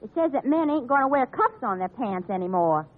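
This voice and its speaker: High, husky rustic wife. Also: female voice, sing-song, a little fast. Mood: wry. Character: practical, wry rustic desert cabin wife. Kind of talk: 1940s radio comedy acting. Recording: narrow 1940s radio broadcast.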